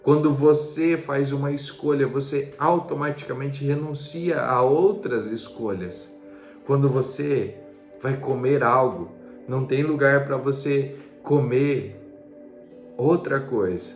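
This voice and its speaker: Earnest preacher in a roomy space. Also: male voice, mid-range voice, slow pace. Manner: earnest, urging, rhetorical questions. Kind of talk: devotional sermon. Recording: roomy with soft music behind. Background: soft background music.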